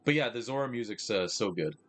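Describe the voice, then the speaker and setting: Lowish in pitch but fairly bright in tone, this man chats loosely during a live gaming stream. His talk wanders as he loses his train of thought, stopping to restart and filling gaps with filler words.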